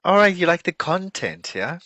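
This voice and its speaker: A man's voice: high voice, very animated, moderate pace, sharp tone, no room sound, lo-fi sound. A man coaching students for a speaking test, giving feedback and explaining with examples. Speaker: English teacher.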